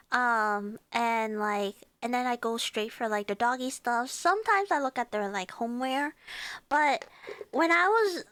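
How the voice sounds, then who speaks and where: A woman's voice: high voice, fairly bright tone, no room sound. A woman chatting to viewers as a livestream host, with a cute, bubbly anime-streamer manner and a playful, rambling way of talking. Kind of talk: livestream casual chat with viewers.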